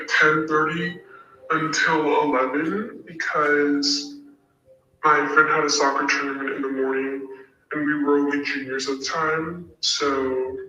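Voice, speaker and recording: An anonymous woman whose voice has been altered to sound deeper, giving a hesitant recorded statement full of "um" and "like". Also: bright, forceful tone. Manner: hesitant, many ums and likes. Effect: voice altered to sound deeper and masculine. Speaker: anonymous witness. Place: at a golf tournament. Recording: echoey, distant, muffled audio with faint music.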